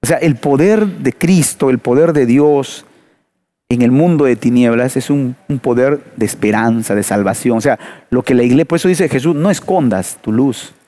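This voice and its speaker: A man's voice: medium pitch, moderate pace, warm tone. A man preaching in a panel discussion, asking rhetorical questions and telling stories with emphasis.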